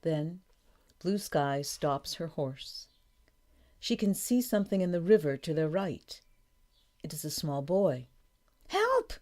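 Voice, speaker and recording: Slow, careful woman reading a storybook. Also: low-pitched, mellow. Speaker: audiobook narrator. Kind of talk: scripted narration of a graded reader.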